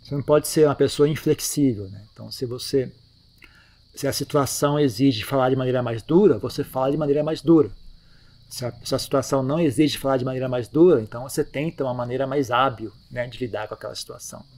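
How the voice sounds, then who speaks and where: A man giving a relaxed, conversational Buddhist dharma talk, often ending phrases with tag questions. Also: medium pitch, quick pace. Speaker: Buddhist teacher. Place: monastery.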